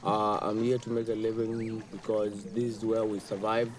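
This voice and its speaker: A man's voice: lowish voice, flat delivery, moderate pace. A young man from Sudan, a fisherman speaking earnestly and plainly about his work outdoors at a riverside fishing camp. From South Sudan. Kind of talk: interview on camera.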